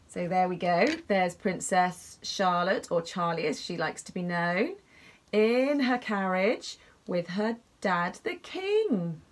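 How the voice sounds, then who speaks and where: Woman storyteller, bedtime read-aloud for kids, expressive, chatty asides to the listener. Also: fairly low pitch, slow pace. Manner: expressive, gasping, asks the listener questions about the pictures.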